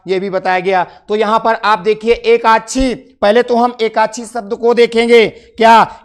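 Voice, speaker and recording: A man's voice: high voice, smooth. A man with a Hindi accent from Uttar Pradesh teaching an exam-prep grammar lesson, who keeps asking the class short quiz questions and answers them himself. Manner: addresses viewers as friends.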